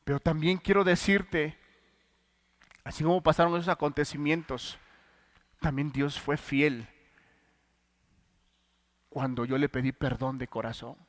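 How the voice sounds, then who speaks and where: A middle-aged man with a Mexican Spanish accent preaching a sermon, moving between loud pleading and hushed, intimate testimony. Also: medium pitch, fairly even intonation, moderate pace, long pauses.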